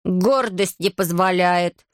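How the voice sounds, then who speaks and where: A woman's voice: medium pitch, a little fast, dry recording, clean studio sound, lightly acted. A woman voicing a proud, touchy boy wizard who speaks haughtily and sulks. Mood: sulky. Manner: haughty, indignant.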